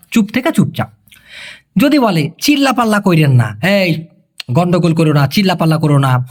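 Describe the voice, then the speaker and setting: A man giving a casual spoken language lesson, explaining words one by one and slowly repeating phrases, with chatty asides. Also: high voice. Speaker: language teacher.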